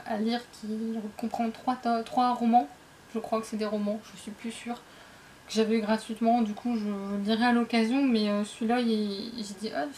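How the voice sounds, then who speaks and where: A woman's voice: a little high, darkish tone, a little hiss or hum. Chatty young woman rambling through a book haul. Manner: rambling, self-interrupting, chatty. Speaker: book vlogger. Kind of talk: casual book haul vlog. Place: indoors at home, dim light. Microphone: camera facing her.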